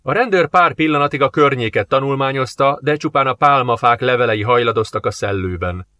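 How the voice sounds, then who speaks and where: A man narrating an audiobook in a steady, expressive reading style, close to the mic. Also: medium pitch, dry recording.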